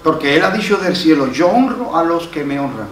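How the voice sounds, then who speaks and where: A male pastor with an Andalusian accent preaches, his voice a little higher than most men's. He tells stories and repeats his key lines for emphasis. He is heard from a distance in an echoey church hall with faint background noise. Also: lively intonation, fairly quick. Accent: Andalusian Spanish. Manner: storytelling, acts out quoted voices, emphatic repetition. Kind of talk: sermon. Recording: roomy, from far off, faint noise.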